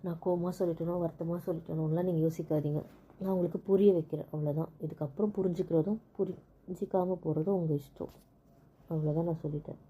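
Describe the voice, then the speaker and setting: A woman talking with her husband in a casual couple conversation, explaining things patiently and calmly. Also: fairly low pitch, fast talker, breathy edge. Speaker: wife.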